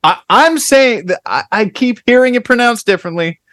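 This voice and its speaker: A man's voice: extremely high pitch, animated, normal speed, fairly bright tone, no echo, clean studio sound. A man hosting a podcast interview, joking and self-deprecating as he rambles through casual chat. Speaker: podcast host.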